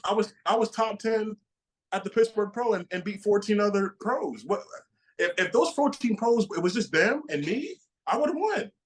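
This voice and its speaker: A man in his late twenties, a bodybuilder guest, answering interview questions in an excited way with many repeated starts. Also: sits high, moderate pace, low-quality recording. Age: 20s.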